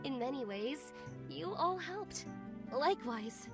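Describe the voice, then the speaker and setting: A woman's voice: high voice, animated, slow, full character voice. A woman voicing a noble, resolute young princess in a video game, speaking earnestly and formally. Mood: gracious, earnest. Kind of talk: video game heroine acting. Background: music.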